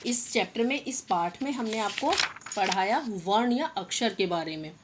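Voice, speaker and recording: A young adult woman teaching a Hindi grammar lesson to young children, patiently repeating example words slowly and addressing her pupils fondly. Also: mid-range voice, animated, background noise. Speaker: primary school teacher.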